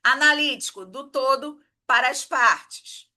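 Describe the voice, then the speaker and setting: A woman's voice: high-pitched, a little slow, sharp tone. A woman teaching an exam-prep lesson, explaining step by step and checking in with her students often.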